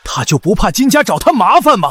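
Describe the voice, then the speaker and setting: An actor playing a gossiping young wedding guest who mocks the hero. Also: male voice, sits high, very animated, fairly quick, fairly bright tone, slight background noise. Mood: gossipy. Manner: gossipy, mocking. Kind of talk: short drama acting.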